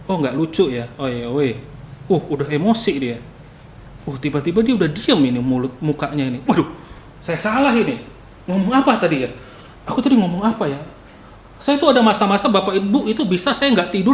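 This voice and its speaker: A young man with a Batak-tinged Indonesian accent preaches in a casual, animated way and slips into voices to act out his stories. His voice sits high for a man. The recording has the roomy echo of a church hall under a faint hiss. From Batak, North Sumatra. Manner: animated storytelling, acts out voices, loud at times. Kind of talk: casual sermon. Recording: echoey hall, faint noise.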